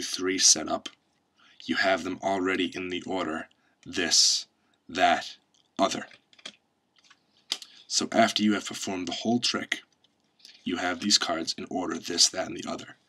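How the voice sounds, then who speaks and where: Deep-voiced man giving card magician patter. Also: pushed and bright. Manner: instructive, reciting patter lines in demonstration. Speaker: magic trick tutorial presenter. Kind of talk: step-by-step spoken tutorial with card magician patter.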